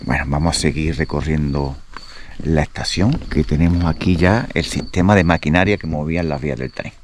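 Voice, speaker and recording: A man talking casually and haltingly as he vlogs a night exploration outdoors. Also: extremely low pitch. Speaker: vlogger. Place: outdoors at an abandoned train station at night. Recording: outdoor night recording with noise.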